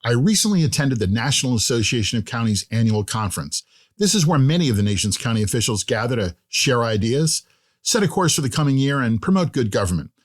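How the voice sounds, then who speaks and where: A male podcast host reads his intro in a friendly, folksy way, slipping in small jokes. His voice is mid-pitched and even for a man. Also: fast. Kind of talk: scripted podcast narration and interview.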